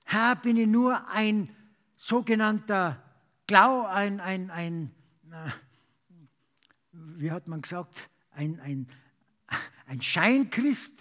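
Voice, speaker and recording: A man preaching and praying as in a sermon, urging emphatically with repeated phrases and halting at times to search for words. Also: sits high, fairly bright tone. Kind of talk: sermon with altar call and prayer.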